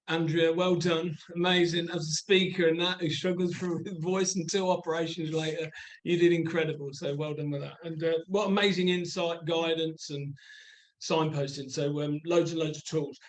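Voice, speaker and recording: A man's voice: on the high side, flat delivery, moderate pace, rough recording. A man who works as a performance coach and trainer, talking informally in a webinar.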